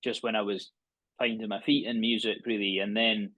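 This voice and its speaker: A man with a Scottish Highland accent chatting casually and informally as an interview guest, easygoing, with plenty of "aye" and "like". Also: little pitch movement, moderate pace, bright, forceful tone, dry recording. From Inverness, Scotland. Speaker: guest musician. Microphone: earbuds on a remote call.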